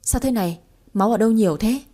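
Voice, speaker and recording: A woman reading aloud and voicing a hot-tempered young master who scolds his wife in a gruff, exasperated way. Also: on the high side, fast, dark tone, natural voice. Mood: angry.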